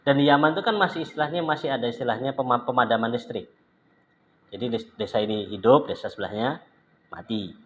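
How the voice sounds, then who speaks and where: A man giving an informal religious lesson, telling stories in a lively way and acting out what others said. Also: fast talker, rough recording. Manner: animated storytelling, acts out quoted speech with pitch jumps. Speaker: religious teacher. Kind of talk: informal lecture with anecdotes.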